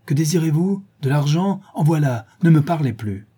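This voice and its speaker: A man voicing a tormented, haughty young male dandy in an audiobook, breaking into shouted outbursts. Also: mid-range voice, animated, normal speed, slightly rough. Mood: frantic.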